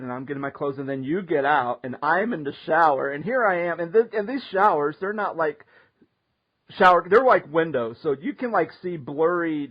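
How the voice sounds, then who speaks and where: A man hosting a podcast, telling stories in a lively, casual way and often laughing. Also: on the high side, lo-fi sound. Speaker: podcast host. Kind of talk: casual storytelling chat.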